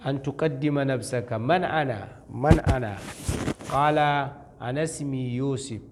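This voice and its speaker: Man, Hausa speaker, language teacher, mid pitch, slow repeated phrases, patient explaining. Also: very noisy. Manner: repeats each phrase slowly, then explains it. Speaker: Arabic teacher. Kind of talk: classroom-style language lesson.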